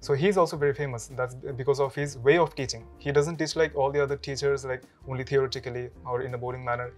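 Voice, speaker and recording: Slow, hesitant young man from Bangladesh. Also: medium pitch, steady tone, soft background music. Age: 20s. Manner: slow and hesitant, with fillers and restarts. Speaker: IELTS test candidate, undergrad student. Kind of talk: mock speaking-test answers.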